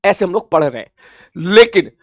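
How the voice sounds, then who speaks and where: A man with a strikingly high voice teaches a physics class in a dry, close-sounding space. He talks to the class like family, calls them brother and child, and plays both sides of the question and answer. He counts things out slowly aloud to make a point. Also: lively intonation, dry recording. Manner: chatty, quizzes himself in students' voices and answers. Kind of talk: coaching class lecture.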